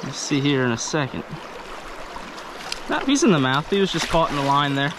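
Recorded on a head-mounted action camera while he wades a river, a slightly high-voiced man casually narrates his fly fishing. He's chatty and excited and speaks to each fish he lands, while rushing stream water adds faint outdoor noise.

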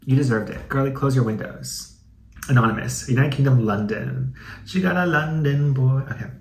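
An echoey room with some background noise holds this recording of a young American man hosting a comedic video. At normal speed and in a mid-range voice, he reads aloud and comments in a chatty, slangy, playfully dramatic manner.

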